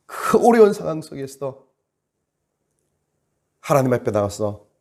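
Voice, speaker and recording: A man's voice: mid-range voice, big pitch swings, a little slow, a little mellow. A male pastor preaching a sermon, dramatic, acting out quoted prayers and stretching words for emphasis.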